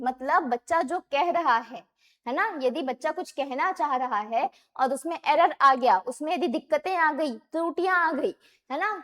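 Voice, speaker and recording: A woman teacher with a high voice gives an exam-prep lesson. She reads English questions out slowly, then explains each point, repeating key terms and posing questions she answers herself.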